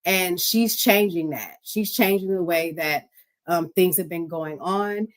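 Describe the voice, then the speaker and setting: Brief: woman podcast host, lowish voice, supportive, asks questions. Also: unhurried, low-quality recording. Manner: supportive, frequent "mm-hmm" backchannels. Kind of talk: interview questions.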